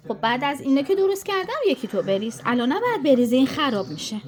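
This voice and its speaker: A woman's voice: high-pitched, big pitch swings. An older woman cooking pancakes with her granddaughter in a home kitchen, chatting and coaxing her in a doting way. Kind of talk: casual cooking vlog.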